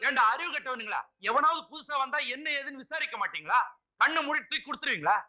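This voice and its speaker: A man's voice: very high-pitched, animated, fast talker, bright, forceful tone, soft background music, exaggerated voice, poor audio. An angry scolding village headman. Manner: scolding, exasperated. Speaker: village president. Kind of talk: film comedy dialogue.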